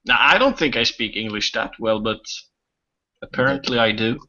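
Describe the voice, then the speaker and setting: A man's voice: mid-range voice, lively intonation, moderate pace, bright, forceful tone. A man from Sweden with a Swedish accent, chatting casually with friends and laughing often. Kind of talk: casual group chat. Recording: dull lo-fi sound.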